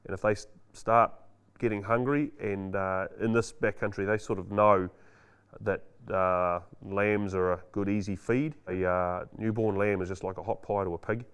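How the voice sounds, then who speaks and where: Low-voiced farmer with a broad Kiwi accent. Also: male voice, fairly even intonation, normal speed, clear, resonant tone. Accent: New Zealand. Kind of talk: casual explanatory talk to camera.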